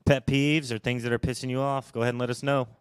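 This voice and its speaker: A man's voice: mid-range voice, little pitch movement, fast talker, crowd noise. A man co-hosting a casual talk show, easygoing and mostly giving brief agreeing replies. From Texas. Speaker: co-host. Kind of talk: casual podcast chat.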